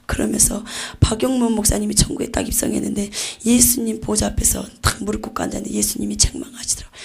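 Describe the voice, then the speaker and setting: A woman evangelist delivering a revival testimony in an intense, hushed way. She often sinks to a breathy near-whisper. Her voice is husky with a gravelly rasp, and it sits a little high. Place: church revival meeting.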